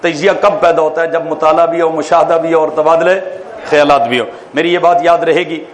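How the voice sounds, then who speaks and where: A man, a mufti, giving an animated classroom lecture on public speaking, quizzing his listeners and telling jokes. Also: a little high. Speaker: mufti teaching a course. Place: lecture hall.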